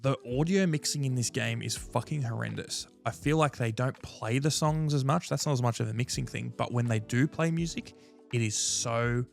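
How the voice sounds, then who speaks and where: Casual podcast co-host, male, gravelly fry, animated and blunt, faint music underneath. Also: medium pitch, moderate pace. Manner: animated, frank, swears freely. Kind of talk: casual gaming chat.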